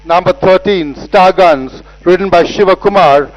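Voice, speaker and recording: A man with a high voice reads formal racecourse announcements, and each item comes twice. His voice comes through loudspeakers, distant and dull-toned, as if caught from across an open racecourse. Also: moderate pace. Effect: heard through loudspeakers. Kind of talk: public address announcement. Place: outdoor racecourse.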